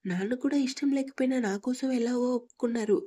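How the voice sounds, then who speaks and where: An ambitious young fashion designer who speaks earnestly, read by a woman storyteller. The voice is a bit high, with a mellow, husky color. She sounds like a character in an audio storybook. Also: fast talker, lightly acted. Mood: pleading.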